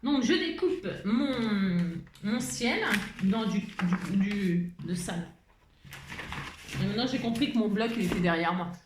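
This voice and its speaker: A woman's voice: medium pitch, animated, slow. A woman hosting a casual crafting tutorial. She rambles, often changes her mind mid-sentence, and chuckles a lot as she talks. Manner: chuckles often while talking. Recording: roomy echo, faint background noise.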